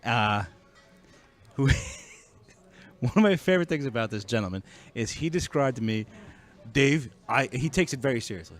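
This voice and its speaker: A man's voice: mid-range voice, lively intonation, moderate pace, pauses often, faint music behind. A man in his thirties co-hosting a casual podcast chat, telling stories and laughing often. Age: 30s. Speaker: podcast co-host.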